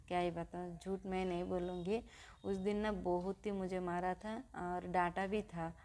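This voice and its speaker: A young woman speaking to her vlog viewers, her voice sitting low and staying level. She tells a personal story haltingly, stopping and restarting often. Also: darkish tone. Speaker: vlogger.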